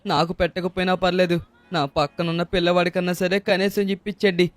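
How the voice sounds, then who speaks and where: A man's voice: sits high, little pitch movement, brisk, no room sound. Pleading man with a Telugu accent. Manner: pleading, plaintive. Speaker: beggar character in a game dub. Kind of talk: dubbed game-video role-play.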